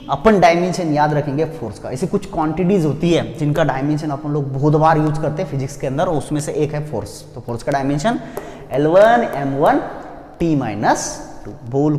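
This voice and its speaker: A fairly high-pitched male physics teacher gives a playful lecture. He keeps asking questions and then answers them himself the way his students would. The room is echoey, with a long reverb tail. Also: darkish tone. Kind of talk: classroom-style lecture.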